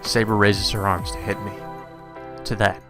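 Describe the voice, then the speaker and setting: Over music, a man with a lowish, fairly flat voice reads a visual novel at a moderate pace as a let's play. He interrupts himself with casual cursing, irreverent asides, and disbelieving reactions to the script.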